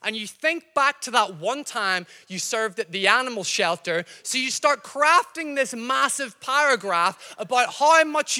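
Telling stories with liveliness and speaking straight to his congregation, a Northern Irish pastor delivers a sermon in a large hall. His accent carries a slight Scottish tinge, and his very high-pitched voice is clear and resonant.

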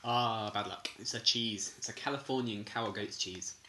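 A man's voice: lowish voice, normal speed, sharp tone. A man hosting a casual quiz, reading out answers plainly with jokey asides. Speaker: quiz host. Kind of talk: casual game chat. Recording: echoey room, faint noise.

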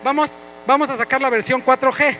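A man, a pastor leading an energetic, playful interactive sermon with his congregation in a church. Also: very high voice, fairly quick, a little hiss or hum, low-quality recording. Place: church hall.

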